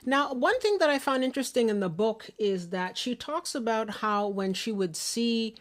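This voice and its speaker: Woman host with steady affirmations. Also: fairly high pitch, normal speed. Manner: frequent short affirmations, "mm-hmm" and "okay". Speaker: podcast host. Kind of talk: casual conversational interview.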